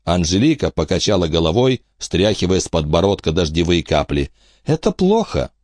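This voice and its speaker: A man narrating an audiobook in the first person with expressive storytelling. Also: sits low, a little fast, dry recording, studio quality.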